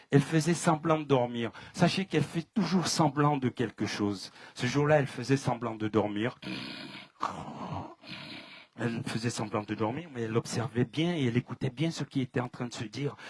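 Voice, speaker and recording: A man with a French Caribbean accent tells folk tales live, lively and dramatic, often questioning the audience. His voice is fairly high, and the sound is close and dry with little room in it. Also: no echo. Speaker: storyteller. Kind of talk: live folk-tale telling.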